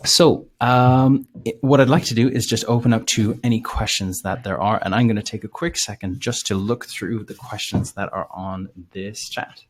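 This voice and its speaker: A man presenting a live webinar, talking casually with many fillers and restarts, his voice a little hoarse. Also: lowish voice, steady tone, normal speed, few pauses, a little hiss or hum. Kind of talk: live webinar sales pitch.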